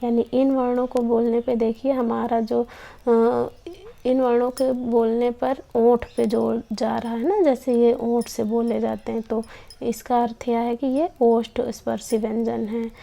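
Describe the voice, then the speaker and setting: A woman teaches a Hindi lesson, slowly and patiently explaining each consonant and sounding them out one by one in a classroom style. Her voice is fairly high yet creaky and dark in tone, with a level delivery and a measured pace.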